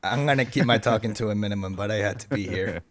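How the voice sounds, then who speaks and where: A podcast co-host, a man whose voice is hoarse from a cold, keeping his remarks short and self-deprecating. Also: on the low side, quick pace.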